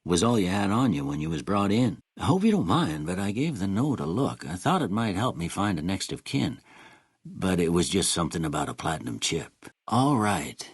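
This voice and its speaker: A kindly old frontier doctor for a video game, low and husky. He speaks in a plainspoken rural Western American drawl that swings freely up and down. The delivery is folksy and wry, in a close, dry recording. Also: sing-song, normal speed, no room sound, full character voice. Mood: calm, folksy. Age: older. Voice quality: raspy, gravelly. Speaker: voice actor. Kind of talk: video game character dialogue.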